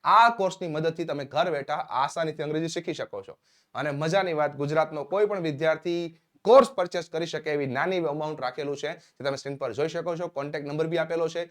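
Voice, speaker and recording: A man teaching spoken English, upbeat and fond of repeating "yes" and "next sentence" while he reads English examples slowly, word by word. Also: on the high side.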